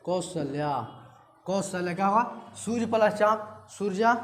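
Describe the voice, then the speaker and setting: A man's voice: sits high, a little slow. A man teaching a lecture class, often repeating terms and asking and answering his own questions. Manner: repetitive drilling, asks and answers own questions. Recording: echoey room, faint background hiss.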